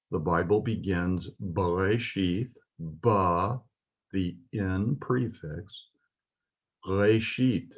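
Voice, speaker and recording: A Hebrew teacher with a low, breathy-edged voice gives a slow spoken alphabet lesson. He works patiently and methodically through a text, one letter at a time.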